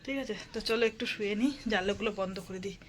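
A woman's voice: mid-range voice, racing. A woman, a mother chatting casually to viewers at home about her day and chores. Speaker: vlogger and mother. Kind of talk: casual daily vlog narration. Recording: noisy home recording.

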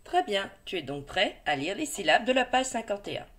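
A primary school teacher gives a slow, deliberate reading lesson to first graders, carefully sounding out each letter and syllable and encouraging the child. Her mid-range, slightly bright voice has big pitch swings at a normal speed.

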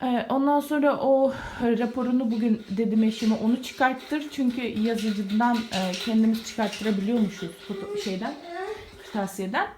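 A woman's voice: a little high, normal speed. A woman in her thirties chatting casually in a home vlog, talking to her son in doting baby talk. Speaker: vlogger mother. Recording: loud background noise.

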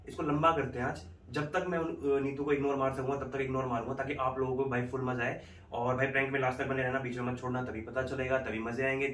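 A man hosting a couple's prank vlog, snapping irritably at his wife during a staged argument. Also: medium pitch. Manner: snaps loudly, irritated and dismissive in the argument. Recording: echoey room, mic at a distance, faint noise.

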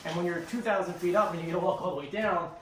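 A man's voice: high-pitched, steady tone, rapid-fire. A young man vlogging casually at home, walking through his hiking gear in a rambling, chatty way. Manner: chatty, rambling with fillers and restarts. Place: living room floor, indoors. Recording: roomy, distant camera mic, faint hiss.

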